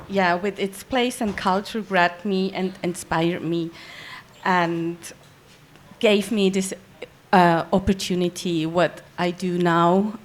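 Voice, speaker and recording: A woman from Switzerland, a magazine founder speaking as a panel guest, nervous and halting. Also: fairly low pitch. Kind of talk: live panel discussion.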